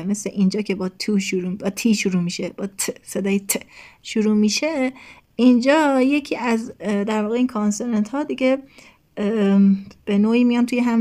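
A woman teacher from Iran whose fairly high voice is getting hoarse, so she clears her throat now and then. She talks through an English lesson slowly and patiently, pausing on fillers. She mixes English phrases into her explanations. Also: a little mellow. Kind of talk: recorded online lesson.

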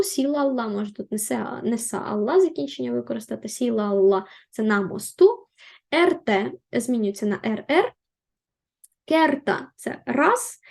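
A woman teaching a grammar lesson in a high voice with a gravelly, creaky edge. She explains patiently, repeating each rule and rephrasing it. She slows down to spell out the example words. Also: a little mellow. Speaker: language teacher.

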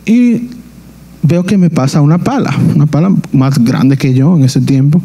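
A man, preaching a sermon in a church, earnest and halting, often restarting his phrases. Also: on the high side, dark tone. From Dominican Republic. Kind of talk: sermon with personal testimony.

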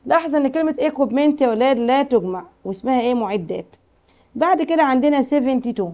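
High-voiced Egyptian woman, an English teacher explaining a lesson, reads slowly and quizzes her pupils. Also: expressive, a little mellow. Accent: Egyptian Arabic. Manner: reads English lines slowly, then translates with questions to pupils.

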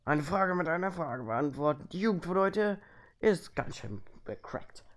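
A man's voice: a little high, lively intonation, measured pace, a little hiss or hum. A man voicing a grumpy, world-weary old hermit, reading out video game dialogue in a grumbling way.

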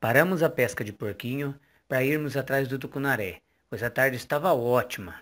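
A man's voice: mid-range voice, fairly quick, fairly bright tone. A man giving a matter-of-fact voice-over recap of a fishing trip. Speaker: narrator. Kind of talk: plain voice-over narration.

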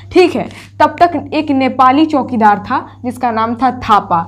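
A woman with a high-pitched voice teaches an online class and walks students through a story chapter step by step. She goes over each point twice, poses quick rhetorical questions and then answers them herself. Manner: addresses students directly, telling them to take screenshots.

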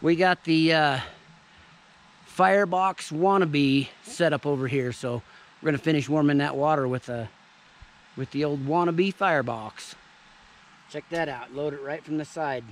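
A man in his thirties casually demonstrating camping gear outdoors, chatting to viewers in a relaxed way. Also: fairly high pitch, a little slow. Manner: relaxed, chatty, addresses viewers as "you guys". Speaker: vlogger showing camping gear. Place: forest clearing outdoors. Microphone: camera on a tripod and handheld selfie camera.

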